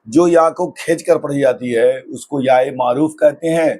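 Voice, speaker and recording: A husky-voiced man gives a grammar lesson. He draws out each example word and repeats it patiently, with middling pitch and a steady teaching manner. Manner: drawn-out example words, repeated slowly. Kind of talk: explanatory lesson.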